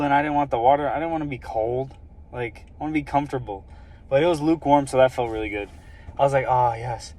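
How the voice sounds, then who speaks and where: Young man, earnest, rambling storyteller, lots of filler words, mid-pitched voice, phone recording. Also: a little mellow. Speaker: vlogger sharing a personal story. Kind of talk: casual personal storytelling.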